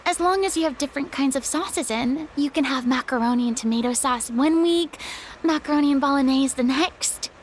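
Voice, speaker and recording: An actress voicing a haughty, dramatic retired stage diva in a video game, with theatrical, formal delivery. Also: female voice, high-pitched, a little fast, slight background noise, lightly acted. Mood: haughty, chatty. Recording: background music under clean studio dialogue.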